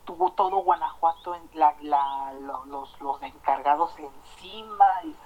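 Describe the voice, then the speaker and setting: A man with a Mexican accent telling a story in casual chat, animated and swearing, acting out the dialogue. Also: on the high side, a little slow, phone-quality sound.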